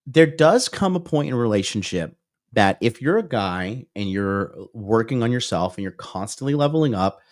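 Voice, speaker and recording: His voice is medium-pitched and animated, moving at normal speed, in a studio-quality recording free of echo. He's a thirty-something dating coach lecturing at a whiteboard on a livestream, answering viewer comments he reads aloud and sprinkling in "okay?" and "right?".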